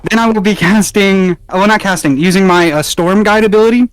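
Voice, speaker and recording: A man playing a tabletop game, halting and thinking aloud about his moves. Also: high-pitched, clean tone. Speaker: player. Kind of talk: casual tabletop play.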